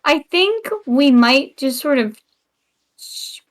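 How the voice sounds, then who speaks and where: A woman's voice: high voice, animated, slow. A woman playing a tabletop game, talking casually in a sleepy, drawling, joking way. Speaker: player.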